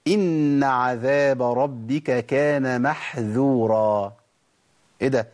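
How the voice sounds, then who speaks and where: A man with an Egyptian accent teaching tajweed, sounding out letters slowly and over again and asking the listeners questions. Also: mid-range voice, darkish tone. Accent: Egyptian Arabic. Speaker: Quran recitation teacher. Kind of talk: tajweed lesson in colloquial speech.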